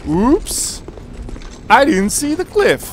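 Guy doing swear-heavy game commentary, slow and really up and down, noisy mic. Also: very high-pitched, wildly swooping pitch. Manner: profane, swings from mutters to loud laughing disbelief. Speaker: let's play commentator. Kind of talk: reactive gameplay commentary.

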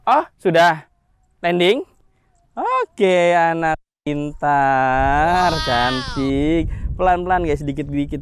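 A young man talking casually to viewers while training a bird outdoors by a road, chatty and at times shouting loudly to call it back. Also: a little high, clear, resonant tone. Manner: chatty, keeps addressing viewers as guys. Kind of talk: casual vlog commentary.

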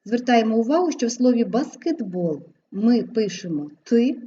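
A woman teaching an exam-prep grammar lesson, slowly sounding out each example word with careful enunciation. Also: medium pitch, warm tone. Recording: slightly dull, lo-fi recording with faint background noise.

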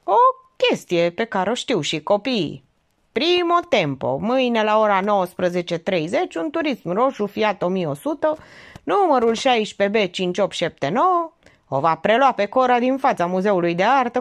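A woman's voice: medium pitch, sing-song, voice pushed up. A woman voicing a cocky, flippant young man. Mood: casual. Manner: flippant, cheeky.

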